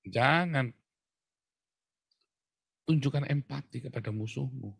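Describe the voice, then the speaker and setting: Animated Tegal-accented male pastor. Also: medium pitch, takes it slowly, gravelly, husky, dry recording. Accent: Tegal Javanese. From Tegal, Central Java. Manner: animated, swings between loud emphasis and hushed asides. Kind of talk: casual sermon.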